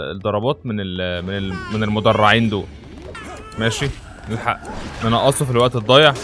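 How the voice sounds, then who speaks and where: A man with an Egyptian Arabic accent giving live gameplay commentary, muttering to himself and breaking into panicked yelling. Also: fairly low pitch. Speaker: gaming channel host.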